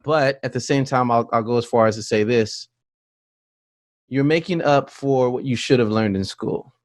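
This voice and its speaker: A man's voice: medium pitch, moderate pace, no echo, studio quality. A man hosting an interview, talking in a chatty way with jokey asides and frequent restarts. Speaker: podcast host. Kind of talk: casual interview chat.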